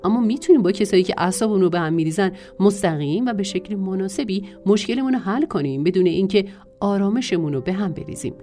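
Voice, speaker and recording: A woman narrating a self-help audiobook in a measured reading voice, drawing out lists of words. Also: mid-range voice, mellow, soft background music.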